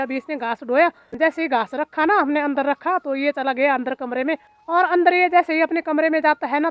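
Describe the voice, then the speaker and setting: A woman's voice: sits high, no echo, muffled recording. A woman vlogger with a Mandyali-tinged Hindi accent, chatting casually outdoors at her hillside village farm, full of fillers. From Himachal Pradesh, India. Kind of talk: casual vlog narration.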